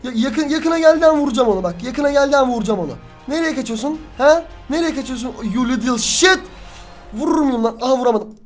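A young man giving live commentary on a team battle game, excitable, cursing and shouting at his teammates. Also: extremely high pitch, quick pace, faint music behind. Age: young adult. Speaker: gaming youtuber.

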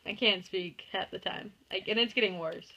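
A woman's voice: mid-range voice, normal speed, vocal fry, sharp tone, lo-fi sound. A young woman chatting goofily with a friend, giggly and prone to dramatic outbursts. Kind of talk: casual chat.

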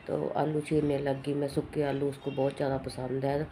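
A middle-aged woman with a hoarse throat from a cough, chatting casually and rambling through her day at home in a vlog. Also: very deep voice, flat delivery, normal speed, mellow, a little hiss or hum. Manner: rambling, matter-of-fact. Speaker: vlogger.

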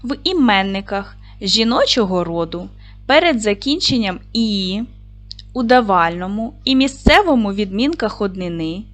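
A woman teacher giving a video lesson to young children, speaking slowly and clearly, drawing out words for dictation and encouraging the class. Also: mid-range voice, expressive, fairly bright tone, faint music behind. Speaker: primary school teacher.

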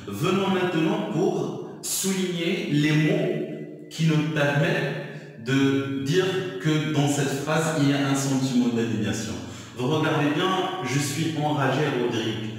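A man's voice: fairly high pitch, takes it slowly. A male teacher explaining a lesson to middle-school pupils, patient and repetitive, with many hesitations. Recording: echoey room, voice far from the mic.

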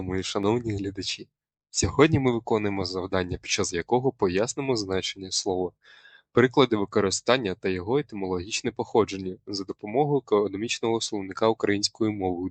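A man's voice: fairly low pitch, dry recording. A young male student presenting a scripted language lesson, explaining a word and quizzing viewers in a teacherly way. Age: young adult.

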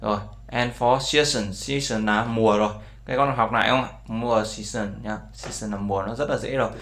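A man's voice: on the low side, fairly even intonation, fairly quick, a bit bright, soft background music. A man teaching an English lesson over a screen recording, explaining words with many fillers and checks with his viewers. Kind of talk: screen-share language lesson.

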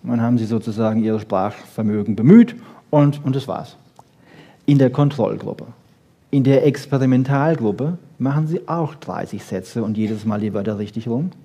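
This man has a mellow, mid-range voice and speaks at a moderate pace. Lecturing informally and with animation on brain research, he explains things conversationally through rhetorical questions and brief emphatic statements.

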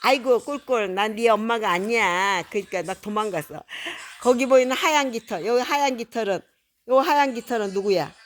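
A woman's voice: fairly high pitch, brisk. An older woman, a grandmother, reading a picture book aloud to a small child in a playful, coaxing way, imitating animal sounds.

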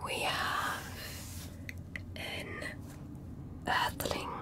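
Up close and in a soft whisper, a woman performs an ASMR medical roleplay as a kindly alien examiner, her speech slow and reassuring.

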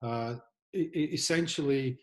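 A Scottish man in his fifties, an artist giving a casual talk over a video call from a large studio, speaking haltingly with many restarts. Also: mid-range voice, poor audio. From Scotland. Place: large converted church studio, indoors. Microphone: laptop camera, video call.

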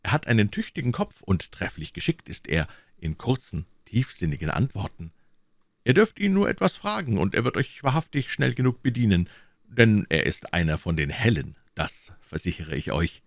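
A man's voice: fairly low pitch, big pitch swings, moderate pace, no echo, voice pushed up. A man reading aloud and voicing a simple-minded townsman who boastfully praises his neighbour. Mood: eager boasting. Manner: eager, talky, praising.

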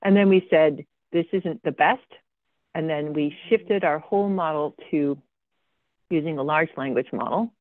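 A woman's voice: low-pitched, moderate pace, no room sound. A woman giving a slide presentation about her research. She talks with frequent ums and dry, sarcastic asides. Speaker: guest speaker presenting research. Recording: tinny phone-like video call audio, dry.

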